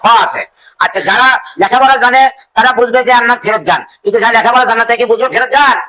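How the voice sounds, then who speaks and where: A male teacher leading a classroom drill, calling out phrases in a slow sing-song and having the class repeat them. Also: very high voice. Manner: slow sing-song drilling, stretched words and loud cues. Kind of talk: call-and-response classroom drill.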